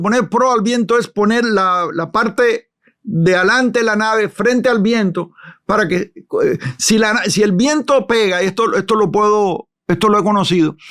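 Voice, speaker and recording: Caribbean-born male Bible teacher, fairly high voice, reads a verse then unpacks it patiently. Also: fairly bright tone. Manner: reads scripture aloud, then explains in an unhurried teaching tone.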